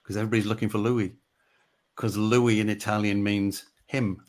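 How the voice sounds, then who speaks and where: Man, show host, low voice, conversational, encouraging. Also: level tone, moderate pace. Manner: encouraging listener, laughs along, short affirmations. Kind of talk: conversational interview.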